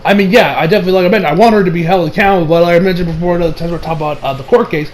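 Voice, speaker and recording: High-voiced man rambling commentary. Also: steady tone, rapid-fire, a little hiss or hum, poor audio. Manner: rambling, heavy on fillers, swears casually. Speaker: online commentator. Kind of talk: casual ranting commentary.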